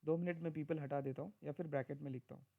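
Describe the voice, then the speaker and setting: A man teaching grammar in a recorded lecture, explaining step by step, speaking example sentences slowly and often checking in with his listeners. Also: fairly high pitch, fairly even intonation, creaky, phone-quality sound. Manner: mixes Hindi and Marathi with English.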